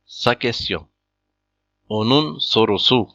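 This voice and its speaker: A man's voice: mid-range voice, animated, slow, bright, forceful tone, dry recording. A man teaching a beginner language lesson, patiently working through example after example. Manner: patient, methodical, repeats examples. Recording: dull lo-fi dry recording.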